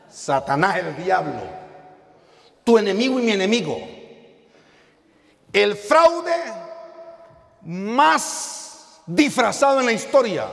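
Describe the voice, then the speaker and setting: Guy preaching, voice up a bit high and swinging all over, lots of hall echo. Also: gravelly. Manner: animated, jokes, calls out to the congregation. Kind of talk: sermon. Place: church hall. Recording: long reverb in a hall.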